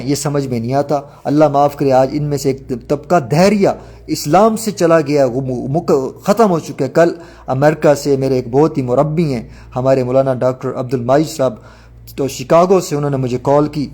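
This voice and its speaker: A man's voice: on the high side, dark tone, slightly rough. A man preaching a sermon, talking emphatically and putting rhetorical questions to his listeners.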